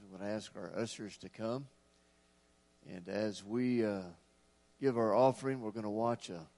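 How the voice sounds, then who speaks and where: A man's voice: lowish voice, darkish tone. A man leading a church service, giving announcements in a prayerful way before the offering. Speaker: worship leader.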